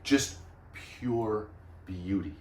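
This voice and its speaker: A man's voice: on the low side, very slow, recorded from a distance. A man hosting a vlog, explaining things in casual chat with an enthusiastic, emphatic manner. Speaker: vlog host. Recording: roomy echo.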